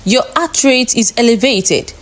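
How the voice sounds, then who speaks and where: A woman's voice: on the high side, unhurried. A woman voicing a polite, obedient female household robot. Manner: polite, even, dutiful.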